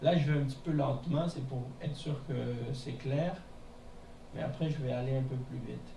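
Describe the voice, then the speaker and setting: A man teaching a beginners' class in a mosque classroom, explaining patiently and repeating words slowly, often checking with "hein?". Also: medium pitch, steady tone, vocal fry, warm tone. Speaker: Arabic teacher. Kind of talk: classroom lesson. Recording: echoey room from a distance, faint noise.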